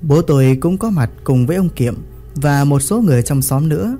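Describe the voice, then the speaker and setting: A man's voice: fairly high pitch, lively intonation, brisk, mellow, faint music behind. A man narrating a village story in a vivid, earthy storytelling manner.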